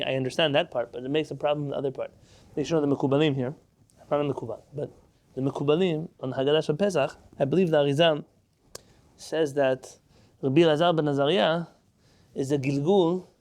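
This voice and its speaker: A man's voice: fairly high pitch, fairly even intonation, brisk, pauses often. A man teaching a Talmud class, explaining step by step and asking and answering his own questions.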